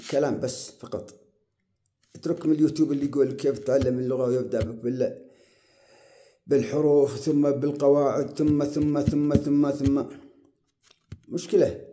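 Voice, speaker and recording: A man giving casual advice as the host of his own show, talking at an unhurried pace and repeating words for emphasis. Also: medium pitch, mellow. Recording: roomy echo.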